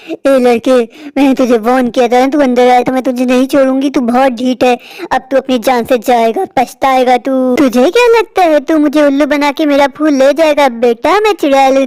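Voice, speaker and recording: A woman's voice: high voice, a little mellow, clear, resonant tone, dry recording, lightly acted. A woman voicing a menacing female witch in a cartoon, threatening and taunting. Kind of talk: cartoon voice acting.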